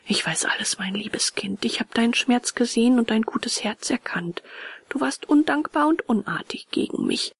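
A woman voicing a gentle, wise, motherly fairy in a storybook reading, slow and softly whispered. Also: a little high, lively intonation, gravelly, slightly rough, dry recording, studio quality, exaggerated voice. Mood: tender. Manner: slow, soft, often whispered.

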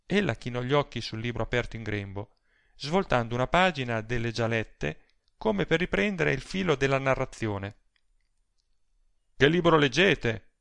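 A man reading a novel aloud as narrator in a measured, even storytelling manner. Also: medium pitch, gravelly, dry recording. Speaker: audiobook narrator. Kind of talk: scripted narration.

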